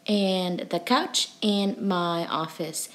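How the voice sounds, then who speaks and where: A woman's voice: fairly low pitch, slow pace. A young adult woman vlogger giving a cheerful, chatty voice-over for a home video, with frequent ums and uhs.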